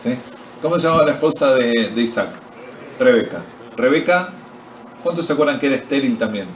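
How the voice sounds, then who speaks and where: Argentine pastor preaching in an echoey hall. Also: male voice, medium pitch, brisk, slight background noise. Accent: Argentine Spanish. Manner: quizzes the audience, joking and animated. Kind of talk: sermon at a men's retreat. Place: retreat meeting hall. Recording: echoey hall recorded from far off.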